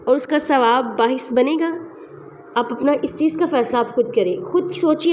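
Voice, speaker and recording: High-voiced woman teaching recitation. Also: a little hiss or hum. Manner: explanatory, repeats sounds and examples slowly. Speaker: tajweed teacher. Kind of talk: online recitation lesson.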